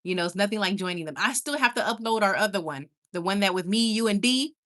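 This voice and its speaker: She's a young livestream host with a Caribbean Spanish accent, at ease and at home, chatting casually and reading comments directly to her live chat. Her medium-pitched voice is bright and forward, and she's bubbly, quick to squeal with excitement.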